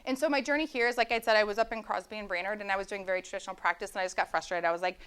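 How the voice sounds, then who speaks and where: Young woman physician, smooth voice, fast earnest storytelling. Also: mid-range voice, fairly even intonation, a bit bright. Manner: earnest storytelling, acts out quoted remarks. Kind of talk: live-stream talk.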